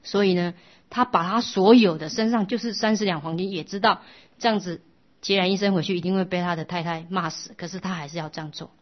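A woman teaching a Buddhist dharma talk, telling a story in a gentle, storytelling way. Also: on the low side, fast. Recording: dull lo-fi sound.

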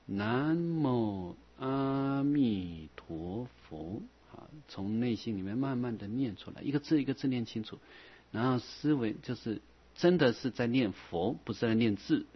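A husky man gives a patient Buddhist dharma talk. He circles back over each point, softening his phrases with a drawn-out "ah". The recording sounds dull and lo-fi. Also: mid-range voice. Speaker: Buddhist teacher. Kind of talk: dharma lecture.

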